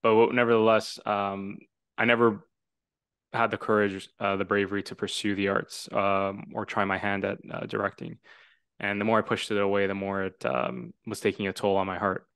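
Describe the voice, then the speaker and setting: A man's voice: fairly low pitch, little pitch movement, moderate pace, fairly bright tone, smooth, no room sound. A man in his twenties from Toronto, hosting a casual podcast conversation in an earnest, reflective, rambling way. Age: 20s. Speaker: podcast host.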